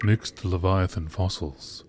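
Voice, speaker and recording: This time the man speaks low and slowly, keeping his tone steady and slightly mellow. He reads game lore entries from a script, styled like nature documentary narration, and the background is clearly noisy.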